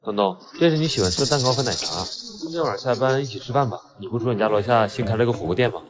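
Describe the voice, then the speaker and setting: A man's voice: medium pitch, lively intonation, very fast, crowd noise, lightly acted. An actor playing a pushy, deluded young man who thinks he is dating someone. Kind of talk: short web drama acting. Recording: reverberant room.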